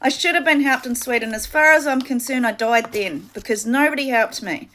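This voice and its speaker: Woman, high voice, distraught rambling to-camera plea. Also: a little fast, bright, forceful tone. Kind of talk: monologue to camera.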